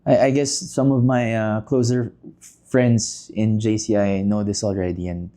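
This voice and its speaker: Filipino guy in his thirties, low dark voice, lots of uhs and pauses, switches into tagalog. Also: steady tone. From Philippines. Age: 30s. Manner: measured, with many pauses and "uh" fillers, mixing Tagalog into English. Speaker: podcast guest, business leader. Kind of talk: casual interview talk.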